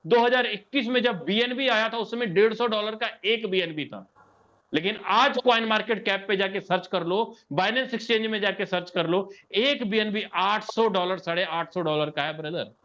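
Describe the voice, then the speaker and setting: A man with a notably high voice delivers an online sales pitch, pushing hard and hammering the same points again and again. He keeps addressing the listener as sir and brother. The recording sounds dull and lo-fi. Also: moderate pace, pushed and bright. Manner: emphatic, repeats key points. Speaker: business plan presenter.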